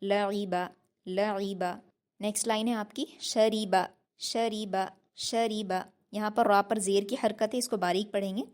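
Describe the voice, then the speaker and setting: A woman's voice: medium pitch, fairly even intonation, fairly quick, hardly any pauses, a little mellow. A woman teaching a tajweed lesson, patiently explaining pronunciation and repeating each word three times for her students. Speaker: Quran recitation teacher.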